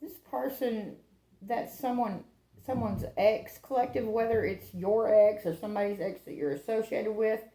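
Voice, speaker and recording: A tarot reader and channel host with a gravelly, creaky, somewhat high voice talks through a casual reading at normal speed, rambling and chatty and laughing at herself. Her voice echoes around the room over loud background noise.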